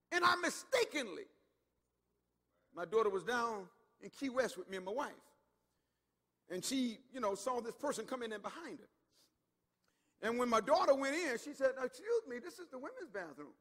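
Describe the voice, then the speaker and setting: A male pastor preaching a sermon, swinging from low, intimate asides up to emphatic shouts, and repeating words as he builds his point. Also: animated, a little slow, pauses often, big-room sound. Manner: repeats words and acts out quoted voices.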